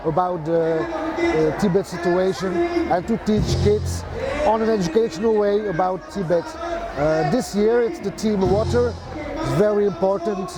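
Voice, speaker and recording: Hesitant high-voiced man amid loud festival music. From Belgium. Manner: hesitant, many "uh" fillers, friendly and plain. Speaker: designer for a support group. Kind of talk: short interview at an event stand. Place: outdoor festival. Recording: loud music and crowd outdoors.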